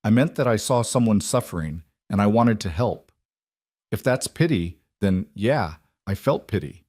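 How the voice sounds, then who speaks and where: A man voicing a gruff frontier farmer. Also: on the low side, expressive, moderate pace, darkish tone, no room sound, clean studio sound. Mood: remorseful. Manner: gruff, earnest pleading.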